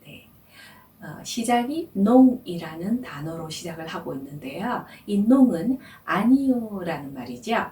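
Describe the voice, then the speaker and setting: A woman teaching French, explaining pronunciation slowly and carefully. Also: lowish voice, big pitch swings, warm tone, echoey room, far from the mic. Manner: slow, careful explanation with drawn-out demonstration words. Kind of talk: language lesson.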